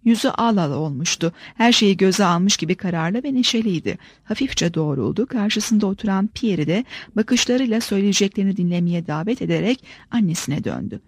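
A woman narrates an audiobook in a steady, measured voice. Her pitch sits in the middle range. The recording is dry, with no room sound. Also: slightly rough, dry recording. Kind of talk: scripted narration.

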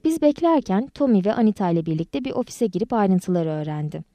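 A woman narrating an audiobook in an even, measured reading style. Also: mid-range voice, dry recording. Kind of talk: scripted storybook narration.

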